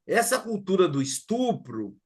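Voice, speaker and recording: A man's voice: sits high, big pitch swings, a little slow, darkish tone, husky. A middle-aged man with a Brazilian accent giving a conversational class lecture, full of fillers and acted quotes. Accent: Brazilian Portuguese. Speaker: teacher.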